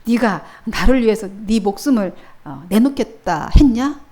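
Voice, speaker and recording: A woman's voice: mid-range voice, moderate pace, darkish tone, natural voice. A woman preacher voicing Jesus as a stern man who bluntly dismisses his disciple's boast. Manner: blunt, curt.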